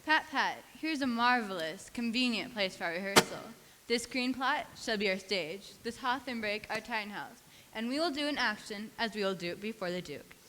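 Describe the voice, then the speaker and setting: A woman's voice: mid-range voice, lively intonation, moderate pace, bright, forceful tone, slight background noise. A woman playing a fussy male director of an amateur troupe, bustling as she organizes. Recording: echoey hall.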